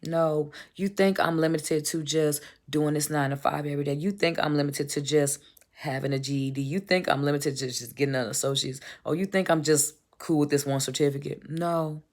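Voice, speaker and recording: Woman, deep voice, gravelly fry, emphatic motivational vlog, blunt, calls you baby. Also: fairly even intonation, normal speed, darkish tone. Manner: emphatic, preachy, repetitive; blunt, swears casually. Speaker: vlogger. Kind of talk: motivational monologue.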